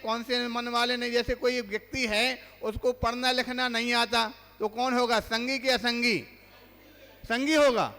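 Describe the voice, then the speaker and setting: High bright-voiced man quizzing a hall. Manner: questions the class, then recites lists. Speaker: Jain monk teaching a class. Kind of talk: quizzing religious lesson. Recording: long hall reverb.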